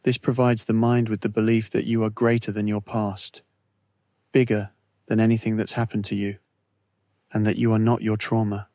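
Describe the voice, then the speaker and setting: Scripted meditation narration comes from a man whose voice sits fairly low and barely rises or falls. He speaks deliberately, resting in soothing pauses, and the sound is captured dry and up close without room ambience.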